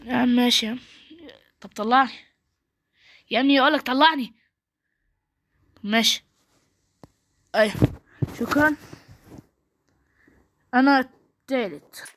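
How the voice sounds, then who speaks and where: A young woman with an Egyptian Arabic accent giving live gameplay commentary, excitable and trash-talking in short bursts. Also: on the high side, measured pace, long pauses, background noise. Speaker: gaming streamer.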